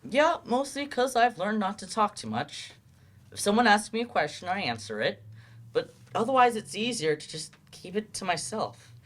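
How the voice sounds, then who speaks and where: Acted by a man, this guarded adult male student speaks with earnest, halting self-doubt and lively pitch swings. The delivery is stage-play style with an exaggerated voice.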